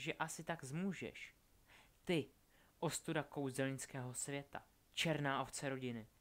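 A male reader puts on a cold, scheming witch, raising his pitch for her. She taunts, commands and threatens in a storybook reading. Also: fairly bright tone, lightly acted. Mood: mocking. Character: cruel scheming young witch, cold and mocking. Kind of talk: audiobook character voice.

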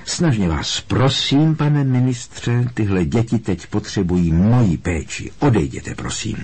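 A man reading an audiobook, voicing a brisk, stern middle-aged school nurse who turns shrill and bossy. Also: lively intonation, a little mellow, husky. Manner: bossy, shrill when upset.

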